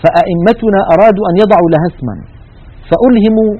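Brisk methodical male tajweed teacher. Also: high-pitched, husky, lo-fi sound. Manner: methodical, explains with spoken examples. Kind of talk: recorded lecture with slides.

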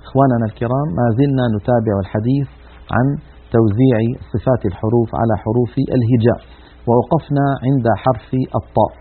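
A man teaching Quran recitation, explaining in a measured, didactic way and repeating sample syllables aloud. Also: medium pitch, fairly even intonation, husky. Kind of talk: instructional lesson on letter articulation. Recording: tinny phone-like broadcast audio.

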